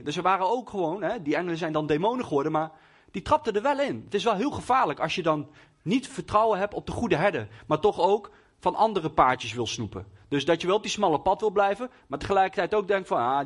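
A young man preaching in Dutch, telling a personal testimony in a hesitant way with many fillers and restarts. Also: high voice. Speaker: lay preacher.

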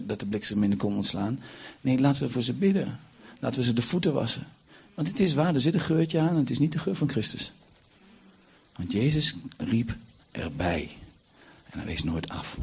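A man in his forties preaching a sermon, nearly hoarse, swinging from hushed talk to loud bursts. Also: on the low side. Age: 40s. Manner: animated, swings from hushed to shouting.

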